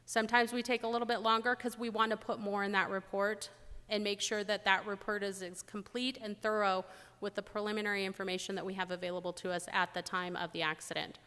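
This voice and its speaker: Middle-aged woman presenter, blunt and joking, bright edge, echoing conference hall. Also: medium pitch, fast. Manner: blunt, joking, animated storytelling. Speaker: air safety investigator giving a presentation. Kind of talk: conference talk.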